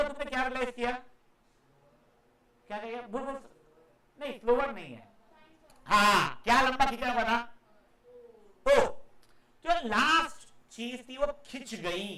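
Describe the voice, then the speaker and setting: A man teaches a class in a high, sharp voice. He acts out every sound he explains and calls the students "beta." Heavy echo fills the classroom around him. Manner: scolds students loudly at times. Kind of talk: live classroom physics lecture. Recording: very echoey classroom.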